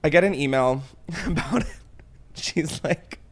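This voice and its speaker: A man's voice: fairly high pitch, a little slow. A hungover man hosting a podcast, chatting casually and telling stories in a dramatic, self-mocking, exclaiming way. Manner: animated, exclaiming, laughs while talking. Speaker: podcast host. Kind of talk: casual comedic podcast chat.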